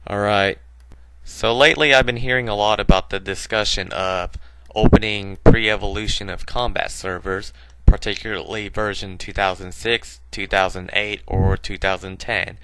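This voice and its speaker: A man with a lowish, smooth voice and a naturally bored-sounding delivery, talking casually over his gameplay. He rambles and muses with plenty of fillers. The sound is close and dry. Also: fairly bright tone, no room sound, rough recording. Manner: rambling, filler-heavy musing. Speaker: gaming video host.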